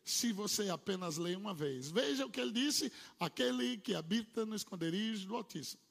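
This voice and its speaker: A man preaching a sermon, swinging between low murmured asides and loud shouted proclamations. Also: gravelly, husky. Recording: long hall reverb.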